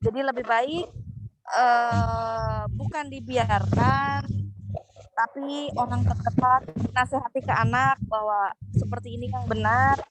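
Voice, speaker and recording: A woman's voice: fairly high pitch, fairly even intonation, takes it slowly, a bit bright, faint music behind, low-quality recording. A woman speaking as a guest, earnestly explaining parenting advice. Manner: earnest, explanatory, acts out example quotes. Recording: noticeable background noise.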